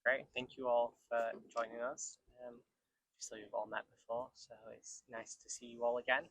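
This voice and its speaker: A man's voice: medium pitch, normal speed, dry recording, low-quality recording. A man who works in a university international office, hosting a casual student interview with frequent ums. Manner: relaxed, many ums and kind ofs. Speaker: international office staff host.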